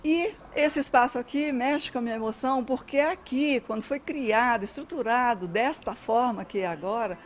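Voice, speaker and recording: A woman's voice: a little high, normal speed, hardly any pauses, a little hiss or hum. An older woman interviewed indoors on a handheld mic, speaking with emotion. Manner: emotional, heartfelt. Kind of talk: on-camera interview. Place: indoor event hall. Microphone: handheld reporter mic.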